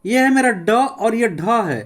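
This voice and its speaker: A male teacher gives a classroom grammar lesson. He says sounds one by one, slowly and with care, and keeps urging listeners to pay attention and try them aloud. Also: very high-pitched, expressive. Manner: repeats sounds slowly, enunciating each one as a demonstration.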